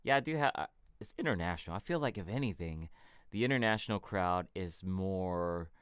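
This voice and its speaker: A man from California hosting a casual fitness livestream Q&A, answering viewer questions in a relaxed, rambling way. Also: low-pitched, fairly quick, clear, resonant tone, no room sound, studio quality. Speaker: fitness channel host.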